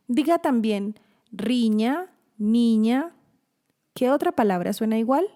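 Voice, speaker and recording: Slow, mellow woman narrating a lesson. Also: a little high. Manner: slow, careful, stretching example words. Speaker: narrator of an educational video for teachers and parents. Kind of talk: scripted instructional narration.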